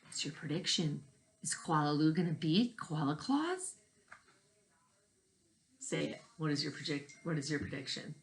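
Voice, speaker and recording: This woman teacher brings a picture book to life for young listeners, emphasizing key words and questioning the children. Her low-pitched voice is animated at normal speed with frequent pauses, over a slight hiss or hum.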